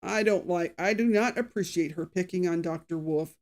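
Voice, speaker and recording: Here a true crime host speaks at a moderate pace in a medium-pitched, darkish voice. The casual live recap is chatty and opinionated, with viewers greeted by name and quotes read with added, acted emphasis.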